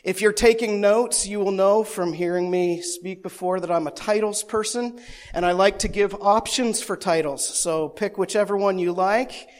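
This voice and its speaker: A man with a notably high voice leads a church service as its pastor. He prays softly and then preaches with energy, leaning hard on key words. He drops in playful jokes at his own expense. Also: normal speed. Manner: lively preaching, swinging between soft prayer and loud emphasis; playful asides and self-teasing humor. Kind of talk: sermon.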